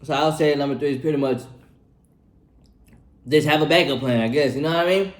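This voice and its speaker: A man's voice: on the high side, brisk. Laid-back young man, echoey room. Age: 20s. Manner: laid-back, slangy, repeats himself, tags lines with "bro". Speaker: vlogger giving life advice. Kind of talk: casual advice vlog while eating.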